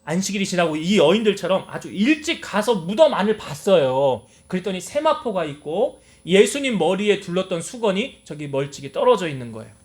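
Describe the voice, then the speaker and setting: A male pastor with a high-pitched voice preaches a sermon in a church. He keeps asking his congregation questions and then answers them himself. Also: big pitch swings, brisk, few pauses. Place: church sanctuary.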